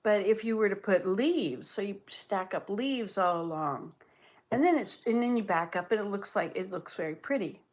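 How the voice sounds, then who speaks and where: A woman's voice: medium pitch, lively intonation, moderate pace. Rambling woman in her sixties. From Canada. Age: 60s. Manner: rambling, musing aloud, reads comments and answers them. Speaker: livestream host. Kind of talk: casual livestream chat reading viewer comments.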